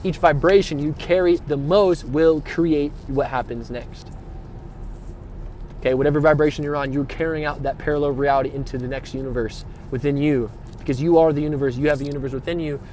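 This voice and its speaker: His voice is slightly high and a little mellow, with a faint hiss or hum in the recording. He's a spiritual vlogger rambling on emphatically in slang, repeating himself, swearing without restraint and asking rhetorical questions.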